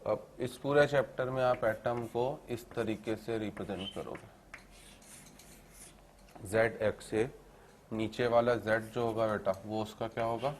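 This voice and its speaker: A man teaching chemistry to a class, dictating notes slowly and checking in with students. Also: lowish voice, fairly even intonation, a little hiss or hum. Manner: repeats phrases slowly for dictation, keeps asking "theek hai na"; calls students "beta", explains step by step.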